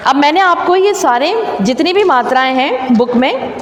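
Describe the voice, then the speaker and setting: High-voiced woman teacher, echoey room. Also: lively intonation, moderate pace. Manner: patient, explains step by step and quizzes the pupils. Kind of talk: online classroom lesson. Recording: echoey room with faint background hiss.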